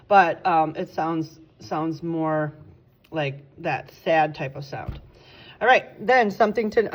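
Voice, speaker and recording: A woman orchestra teacher walking students through a sheet of music in a casual, chatty way, thinking aloud and correcting herself, swinging between bright exclamations and quiet asides. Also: medium pitch. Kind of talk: classroom walkthrough.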